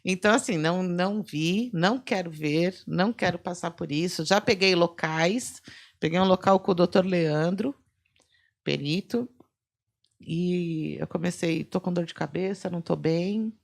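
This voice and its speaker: A middle-aged woman with a Brazilian Portuguese accent, a forensic photographer telling lively anecdotes in a podcast chat and acting out the dialogue. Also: fairly low pitch, unhurried, gravelly. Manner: lively anecdotes, acts out quoted dialogue, laughs often. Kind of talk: animated storytelling in a podcast chat.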